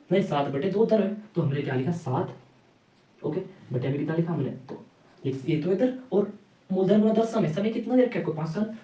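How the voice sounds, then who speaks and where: Fast, echoey man teaching math. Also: on the high side, dark tone, distant mic. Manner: rhetorical questions answered himself, repeats "ठीक है". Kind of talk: classroom math lesson.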